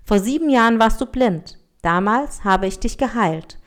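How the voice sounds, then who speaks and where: Storybook part: Life, a wandering spirit, calm and solemn, read by a woman. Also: on the high side, moderate pace. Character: Life, a wandering spirit who heals and tests people.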